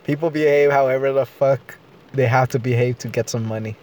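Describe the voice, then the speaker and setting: A man's voice: mid-range voice, steady tone, fairly quick, a little mellow, a little hiss or hum. A man ranting in a vlog, agitated, swearing and rambling. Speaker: vlogger. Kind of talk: profane personal rant.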